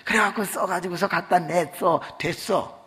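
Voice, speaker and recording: A male pastor preaching a sermon, telling a story with animated delivery in a church. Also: high voice, normal speed. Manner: animated storytelling, acting out voices. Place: church sanctuary. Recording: long church reverb.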